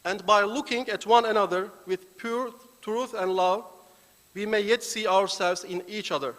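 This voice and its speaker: A man with a fairly high voice leads a formal prayer, his words solemn and deliberate. The sound rings with the long reverb of a large banquet hall. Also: fairly even intonation, fairly bright tone. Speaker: foundation volunteer giving the opening prayer.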